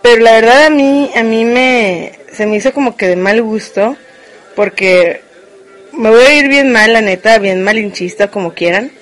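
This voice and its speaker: A woman's voice: on the high side, moderate pace. Woman, Mexican accent, casual rant, blunt, slangy, swears a lot. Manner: blunt, slangy, peppered with "o sea" fillers and swearing. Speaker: vlogger. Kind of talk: casual ranting monologue.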